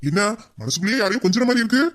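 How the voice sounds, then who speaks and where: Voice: medium pitch, lively intonation, rapid-fire, a bit bright, a little hiss or hum, close to an everyday voice. A performer voicing a teasing young man, a bossy boss and doting suitor, in an audio drama. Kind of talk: Tamil audio drama acting.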